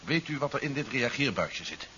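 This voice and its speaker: A man's voice: mid-range voice, big pitch swings, a little fast, sharp tone. A man playing a resolute, coolly calculating general in a 1970s science fiction radio play, articulate and matter-of-fact. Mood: firm, persuasive. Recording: dull 1970s radio recording with hiss.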